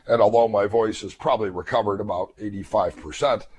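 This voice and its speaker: A middle-aged male hypnotist and therapist speaks in a fairly low, earnest voice, measured and sincere. His voice is slightly weakened since throat surgeries. A faint hiss of background noise sits under the recording. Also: fairly even intonation, darkish tone. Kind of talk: reflective talk to fellow hypnotists.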